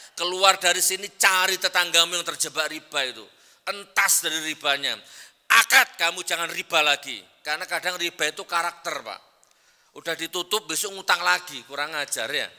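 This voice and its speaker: High, bright-voiced preacher in a hall. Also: male voice, smooth. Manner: direct, coaxing, asks the crowd to raise hands. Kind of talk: sermon to a live congregation. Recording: long hall reverb.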